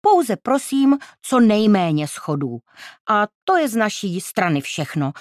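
A brisk, decisive aunt speaks in a raised, animated voice, as a woman reads her part. She is firm and emphatic, sure of what she wants. The storybook voice is close and dry. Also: medium pitch, no room sound, voice pushed up, lightly acted. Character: brisk, decisive middle-aged aunt planning a trip.

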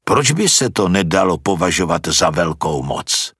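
A man voicing a calm, patient old philosopher who reasons through questions, in a storybook reading. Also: low voice, breathy edge, dry recording, clean studio sound, full character voice. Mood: probing.

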